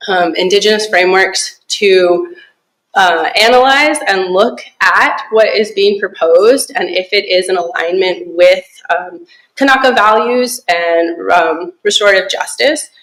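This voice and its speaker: A young woman from Alaska giving a casual presentation to a small group, relaxed and chatty with many fillers and easy laughs. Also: mid-range voice, a little slow, rough recording. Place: small conference room.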